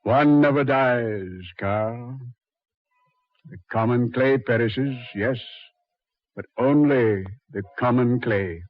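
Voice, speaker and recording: An actor voices the Devil, a suave, mocking, coldly taunting male master of hell, in a measured, mock-polite 1940s radio horror style. The mood is smug and ominous; his mid-range voice sounds natural with no echo, on a muffled old recording.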